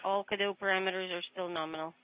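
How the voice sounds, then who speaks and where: A woman's voice: medium pitch, fairly even intonation, fast talker, clean tone. A woman at mission control reading out clipped procedural callouts with hesitant fillers, heard over a crackly space-to-ground radio loop. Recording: muffled lo-fi radio with faint hiss.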